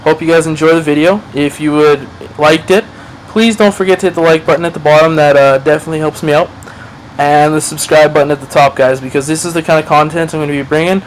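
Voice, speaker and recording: A man's voice: fairly high pitch, steady tone, fast talker, a little hiss or hum, low-quality recording. A man giving casual gameplay commentary over a match, rambling, swearing freely and playing himself down. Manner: rambling, profane, self-deprecating. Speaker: gaming commentator.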